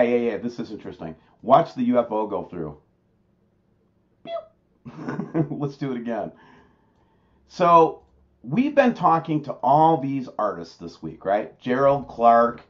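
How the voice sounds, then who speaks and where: A man hosting his own channel, talking loosely and casually to viewers about pictures, calling them man and guys. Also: mid-range voice. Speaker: channel host. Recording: dull lo-fi sound.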